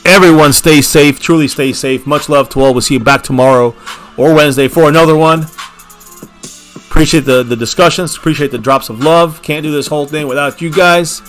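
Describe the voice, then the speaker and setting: Over soft background music, a man with a fairly high pitch and a steady tone talks a little fast. He's wrapping up a casual livestream from his small home bar with shout-outs to viewers by name, hyped-up repeated catchphrases, and plenty of "baby."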